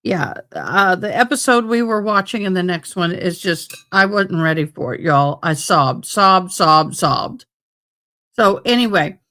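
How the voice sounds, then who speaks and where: Slow, bright-voiced woman livestreamer. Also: medium pitch. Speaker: livestream host. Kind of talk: casual chat to viewers.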